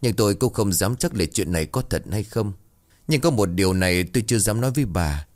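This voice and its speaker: A man doing an old servant in an audio story, humble and cautious with his mistress. His low voice rises and falls as he chooses careful words. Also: expressive, quick pace, a little mellow, natural voice. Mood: worried. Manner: deferential, hesitant.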